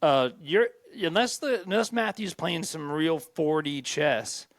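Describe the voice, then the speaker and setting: A man's voice: a little high, unhurried, dry recording. A man co-hosting a Bible podcast, working through his ideas aloud with many fillers. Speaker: podcast co-host. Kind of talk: casual Bible discussion.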